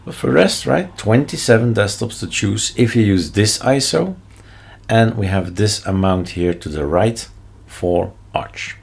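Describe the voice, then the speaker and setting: A man's voice: on the low side, lively intonation, a little slow, gravelly, husky. A man from Belgium with a Belgian accent, a non-native English speaker, presenting a casual screencast tutorial in short choppy phrases with offhand asides. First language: not English. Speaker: tutorial host. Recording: noticeable background noise, keyboard clicks and typing. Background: keyboard typing and mouse clicks.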